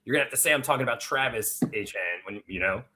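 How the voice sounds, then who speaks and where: A man's voice: medium pitch, animated, fast talker, noisy background. A man co-hosting a live fantasy football draft, chatty and rambling with plenty of filler words. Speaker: fantasy football podcast co-host. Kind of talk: casual live draft chat.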